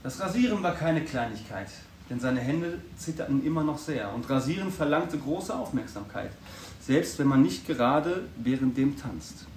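A man's voice: medium pitch, lively intonation, normal speed, darkish tone. Man narrating a storybook, echoey. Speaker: audiobook reader. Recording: echoey room, distant mic, faint noise.

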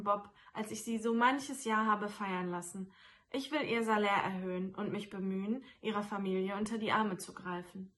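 A woman's voice: medium pitch, a bit bright, close to an everyday voice. A woman voicing an elderly male merchant, mock-stern with his clerk and then earnest and hearty, in a storybook reading.

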